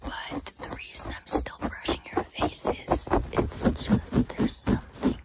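A woman in her thirties doing a brisk, fast ASMR whispered role-play as a personal-attention attendant, close to the mic and repeating words. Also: low-quality recording.

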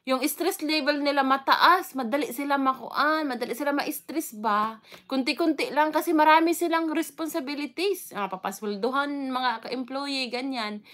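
A woman's voice: high voice, normal speed, a bit bright. A Filipino woman from the Philippines chatting casually on a live stream, greeting viewers one by one with frequent fillers and laughs.

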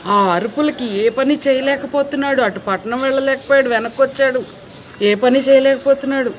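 Expressive woman telling a children's story. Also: high-pitched, fairly quick, slight background noise.

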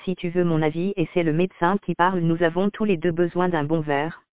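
A man reading the lines of a soft-spoken doctor with a dry wit, an old family friend, in an audiobook, on dry, tinny phone-like audio. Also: a little high, steady tone, a little fast, clear, resonant tone, no echo, close to an everyday voice. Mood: gentle.

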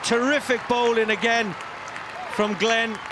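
High-voiced male cricket commentator, crowd behind. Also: steady tone, a little slow. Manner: builds to shouts on big moments. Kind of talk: live sports commentary. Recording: broadcast mic over loud stadium crowd and noise.

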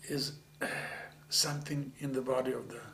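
Older Macedonian-accented man, halting and gravelly. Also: mid-range voice, fairly even intonation, a bit bright. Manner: halting, searching for words, earnest. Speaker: interviewee, author of dictionaries. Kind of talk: reflective oral history interview. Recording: faint hum and background noise.

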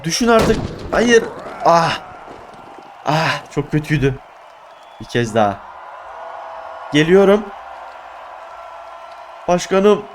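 A young man giving excitable let's play commentary, exclaiming and groaning at his failures. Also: a little high, takes it slowly, long pauses, a faint crowd, a little hiss or hum. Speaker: gaming YouTuber.

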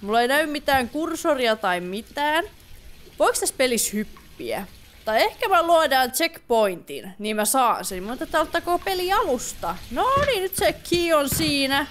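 With a voice that sits high, swings widely in pitch and has a fairly bright tone, a gaming YouTuber narrates a horror game let's play over a little hiss or hum. She's chatty, startles easily, and drops in English exclamations.

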